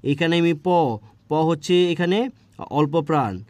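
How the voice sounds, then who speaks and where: A man with a Bangladeshi Bengali accent teaches a grammar lesson in a fairly high voice. He keeps firing questions at his students and answering them himself, and he trails off into soft fillers while he thinks. The sound is close and dry, with no room echo. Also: a little slow. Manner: quizzes students with rhetorical questions; fillers and restarts, drops softer when thinking. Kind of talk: exam prep lecture.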